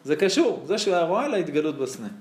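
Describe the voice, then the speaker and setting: Animated rabbi, higher-voiced man, roomy echo. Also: slight background noise. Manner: animated storyteller, voice rising and dropping sharply. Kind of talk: sermon with storytelling.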